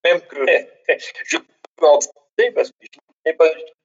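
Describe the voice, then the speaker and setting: Guy on a video call, audio glitching and dropping out, a bit high, muffled and far from the mic. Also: lively intonation. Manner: hesitant, many filler pauses. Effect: audio cutting out in glitchy dropouts. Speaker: seminar discussant. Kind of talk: academic discussion on a video call. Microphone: computer microphone on a video call.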